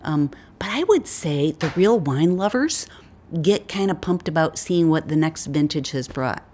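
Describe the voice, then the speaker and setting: Woman, 50s, low register, relaxed conversational interviewee, winery staff. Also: measured pace, slight background noise. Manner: relaxed, conversational, frequent fillers. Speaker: winery wine specialist. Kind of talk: sit-down interview answers. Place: indoor winery tasting room.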